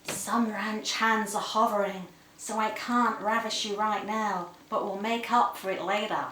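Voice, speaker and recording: A woman voicing a seductive male cowboy rancher with a gravelly American drawl, in an echoey room. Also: medium pitch, steady tone, a little slow, bright, forceful tone, a little hiss or hum. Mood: whispering. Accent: American drawl put on.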